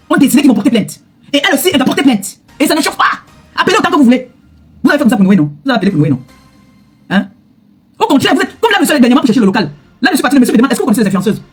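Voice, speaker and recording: A middle-aged woman fires off a heated, confrontational rant at breakneck speed. Her voice is husky and a little breathy, and she keeps hammering the same retorts. Faint music runs underneath. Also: a little high. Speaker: social media influencer. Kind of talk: angry direct-to-camera rant.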